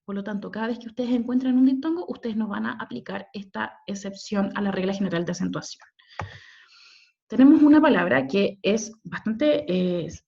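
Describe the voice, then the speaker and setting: A woman's voice: medium pitch, vocal fry, a little mellow. A woman teacher giving a recorded grammar lesson over slides, patiently spelling out letters and syllables and checking in with her students. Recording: dull lo-fi home recording.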